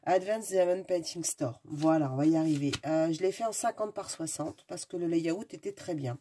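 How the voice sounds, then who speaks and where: A woman's voice: sits low, normal speed, mellow, slight background noise. A woman with a stuffy nose, chatting casually and enthusiastically while unboxing, often searching for words. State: stuffy, sniffling. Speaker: craft video host.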